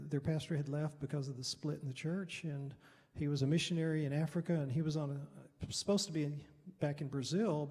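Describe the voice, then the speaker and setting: A middle-aged American pastor tells personal stories in an informal, halting teaching style, often clearing his throat. His husky, gravelly voice is a little high and a little mellow, and the recording has long hall reverb.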